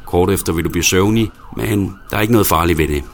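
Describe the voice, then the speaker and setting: A man reading the lines of a calm, friendly paramedic in a pleasant, reassuring tone. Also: deep voice, soft background music.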